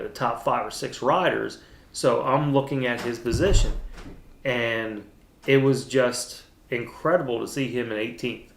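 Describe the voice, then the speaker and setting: A middle-aged man, a racer's father and mechanic, telling his story earnestly in an interview, with halting restarts. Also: mid-range voice. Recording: roomy echo.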